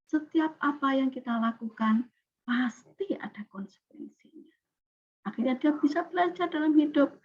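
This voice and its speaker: A woman teaches a class in a lively way, checking in with her students as she goes. Her voice sits high. The recording sounds dull and lo-fi. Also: slightly rough. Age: 40s. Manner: lively, questioning students often. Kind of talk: classroom lecture.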